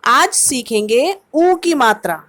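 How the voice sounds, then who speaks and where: A woman teacher leads an online lesson for young children. Her voice sits high and light. She moves at an unhurried pace, sounding out each word piece by piece with steady patience. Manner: slow, patient syllable-by-syllable sounding out of words. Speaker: primary school teacher. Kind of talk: online kindergarten Hindi lesson.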